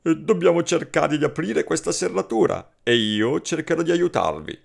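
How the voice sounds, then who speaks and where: A man voicing a friendly, confident female swallow in a storybook tale, coaxing and lively. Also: a little high, moderate pace, vocal fry, pitched above the performer's own voice, full character voice. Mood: encouraging.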